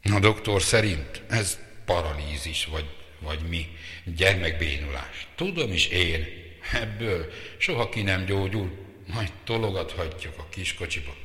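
A man's voice: low voice, animated, pushed and bright. A man voicing a bitter, cold-hearted brother who speaks harshly and dismissively in a storybook. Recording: long reverb.

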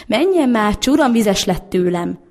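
A woman reading the lines of a gentle, bashful young servant girl greeting her sweetheart. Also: mid-range voice, lively intonation.

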